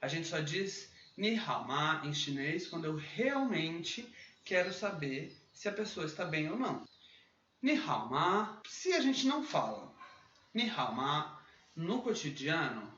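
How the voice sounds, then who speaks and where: A man giving a casual video lesson on Mandarin, explaining patiently, checking in often with his viewers, and drawing out sample syllables slowly when he demonstrates tones. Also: a little high, very animated, sharp tone. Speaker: Mandarin teacher. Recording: roomy, dull lo-fi sound from a distance with faint background noise.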